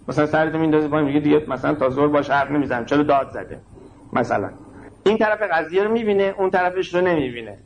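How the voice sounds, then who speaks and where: A man giving a sermon that explains scripture, with emphatic delivery that moves between slow stressed words and quick asides. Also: fairly high pitch, a little hiss or hum, rough recording. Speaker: religious lecturer.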